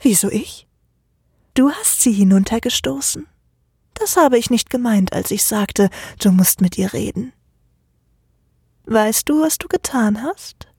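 A woman voicing a sinister shadowy male entity, sneering and hissing in slow, cold whispers. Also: on the high side, lively intonation, warm tone, breathy edge, no room sound, studio quality, full character voice. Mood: mocking.

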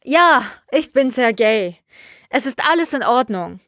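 A woman voices an eerie radio voice posing as a lost male cosmonaut in a storybook reading, slow, calm and strangely detached. The sound is dry and close. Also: fairly high pitch, no room sound, voice pushed up.

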